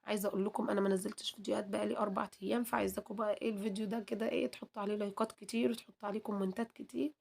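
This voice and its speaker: Fast-talking hoarse Egyptian woman vlogger. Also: mid-range voice, little pitch movement, a little hiss or hum. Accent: Egyptian Arabic. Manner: chatty, addresses viewers warmly, long prayers. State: hoarse from a cold. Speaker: home cooking vlogger. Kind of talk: casual cooking vlog. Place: home kitchen.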